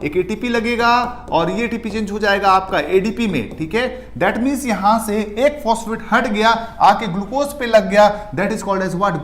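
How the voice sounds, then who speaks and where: A male biology teacher with a high voice delivers an exam-prep lecture over slides. He poses questions and answers them himself, mixes in English terms, and drawls key words slowly.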